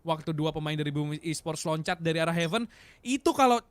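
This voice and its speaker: An Indonesian man commentating an esports match like an excited game announcer, in a slangy, emphatic, analytical way. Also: a little high, fast, clear, resonant tone, no echo.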